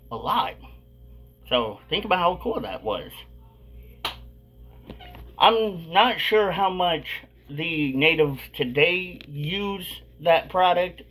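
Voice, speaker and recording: A man's voice: fairly high pitch, a bit bright, rough recording. A man hosting a casual vlog, talking with a dip of chewing tobacco tucked in his lip. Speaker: video host.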